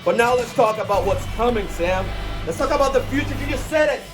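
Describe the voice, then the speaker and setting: High-pitched male wrestler, confrontational promo over music. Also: lively intonation, a little fast. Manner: confrontational, emphatic. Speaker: professional wrestler, tag team partner. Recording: loud music behind the voice.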